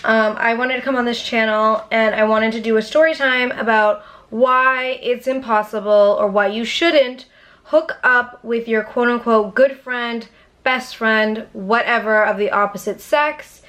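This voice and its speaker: With a fairly high, slightly bright voice and no rush, a young woman YouTuber narrates a storytime vlog into her camera mic. The tone is casual and chatty, full of profanity and frequent "um" and "anyways" fillers.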